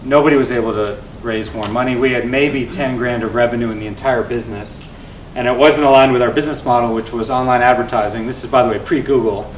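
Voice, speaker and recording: A venture investor in his forties, appearing as a guest speaker, tells his founder story to an event audience, talking fast and energetically while tagging points with "right?". The mic is distant in a reverberant venue, with a faint low rumble underneath.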